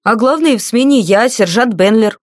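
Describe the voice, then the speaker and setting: A woman reading a young beardless male palace guard in an audiobook, reporting in a brisk, eager military manner. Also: a little high, dry recording, studio quality, voice pushed up, natural voice. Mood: flustered.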